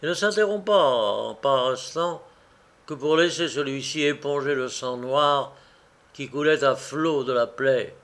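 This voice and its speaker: A man reading a classic novel aloud in a slow, measured, expressive narration. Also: medium pitch. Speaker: audiobook reader.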